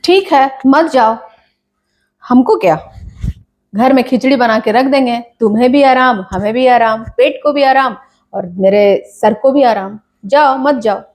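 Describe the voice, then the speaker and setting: A woman's voice: fairly high pitch, a little mellow, natural voice. Woman playing a nagging scolding mother. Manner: scolding, nagging, quick complaints. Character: scolding, complaining middle-aged mother. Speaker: nagging mother in a comedy skit. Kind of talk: comedy sketch acting.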